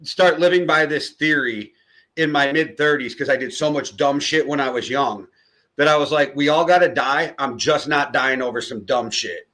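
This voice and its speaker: A man's voice: mid-range voice, normal speed, sharp tone. A middle-aged man with a Midwestern accent, chatting casually on a podcast and telling loose, self-mocking stories with easy swearing. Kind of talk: casual chat.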